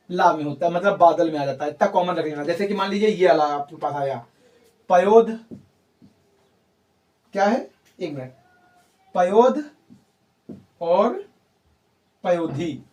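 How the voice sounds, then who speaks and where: A male teacher leads a grammar class and quizzes his students as he goes. His pitch swings up and down a lot. He sounds a little far from the mic. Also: lively intonation, measured pace, pauses often. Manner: coaxing, repeats points, quizzes students with mock answers.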